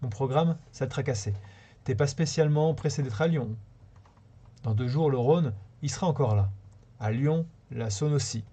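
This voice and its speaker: A man reading as a gruff young Frenchman. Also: mid-range voice, normal speed, dark tone, natural voice. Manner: grumbling, crude slang. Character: blunt gruff young Frenchman, a farm cousin. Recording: slightly dull lo-fi sound.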